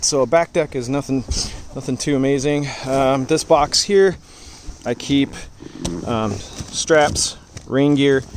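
A man giving a relaxed, rambling walkthrough tour of his boat outdoors, talking with many fillers into a handheld camera. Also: mid-range voice, noisy background. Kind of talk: casual walkthrough vlog.

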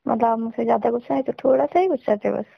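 A woman's voice: fairly high pitch, creaky, husky, no room sound, heavily acted. A young woman playing an insistent, stubborn girlfriend arguing on a phone call in a scripted drama. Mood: apologetic. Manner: pushy, insistent, quick-talking. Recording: dull, dry lo-fi recording.

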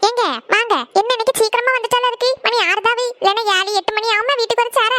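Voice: extremely high pitch, fairly even intonation, fast, bright, forceful tone, no echo, clean studio sound, pitched above the performer's own voice. A performer voicing a busy mother who scolds her daughters and questions her husband. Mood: fussing.

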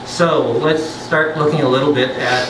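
Speaking to a pub audience, a man who works as a brewer delivers a casual science lecture peppered with jokes and restarts. He has a mid-range voice, fairly even intonation, and a measured pace; the distant mic yields roomy sound with heavy background noise.

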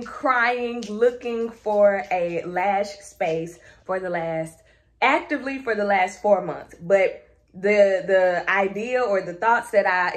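A woman, a lash artist chatting excitedly to camera in a casual vlog from her home lash room, a little out of breath. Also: mid-range voice. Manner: excited and chatty, uses "y'all".

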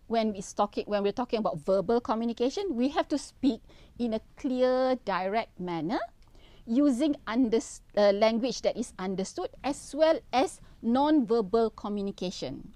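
A woman's voice: a little high, mellow, no echo. A middle-aged woman, giving a university lecture in an earnest, instructive way and repeating her key points. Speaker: university professor.

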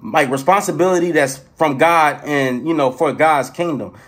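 Excitable man vlogger, husky and high-pitched, preaches and swears at viewers. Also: normal speed. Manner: profane, preachy, addresses viewers directly; excitable, jumps between loud outbursts and low murmurs. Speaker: spiritual motivational vlogger. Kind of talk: casual motivational rant.

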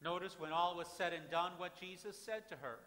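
A pastor, preaching a dramatic sermon that swings from hushed to loud, recorded from the back of a church. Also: male voice, high voice, brisk. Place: church sanctuary with congregation. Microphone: far camera at back of church. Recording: reverberant church from far off.

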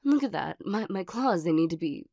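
A woman playing a flustered, nervous cat creature in a soft-spoken ASMR role-play, speaking hesitantly with stammers. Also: on the low side, animated, normal speed, creaky, no room sound, studio quality. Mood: sheepish.

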